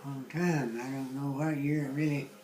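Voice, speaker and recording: An older man from southwest Virginia with an Appalachian accent, casually recounting memories in a folksy, halting way. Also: mid-range voice, flat delivery, darkish tone, roomy sound. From southwest Virginia, United States. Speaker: interviewee recounting local memories. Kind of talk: casual oral-history reminiscing.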